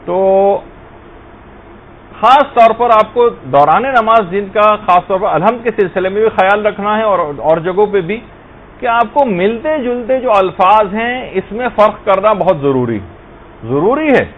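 A man with a notably high voice delivers a religious lesson, explaining patiently with examples. The audio is slightly muffled, with a faint hum of background noise beneath his speech. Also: animated. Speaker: religious teacher.

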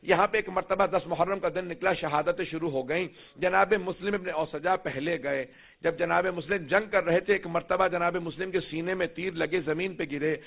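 A man's voice: high-pitched, steady tone, gravelly. A man preaching a mourning sermon, telling its story in a dramatic, emotive way. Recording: tinny phone-like sound.

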